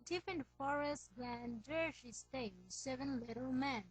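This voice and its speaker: A woman's voice: high-pitched, measured pace, pitched above the performer's own voice, low-quality recording. A woman voicing a solemn, truthful magic mirror in a storybook reading, declaiming its answers.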